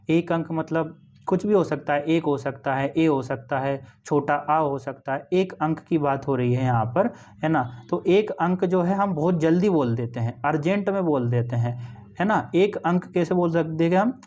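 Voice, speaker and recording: A man with a fairly high voice teaches exam-prep memory tricks. He walks through each one patiently, repeats key phrases and keeps checking in with the listener. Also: darkish tone.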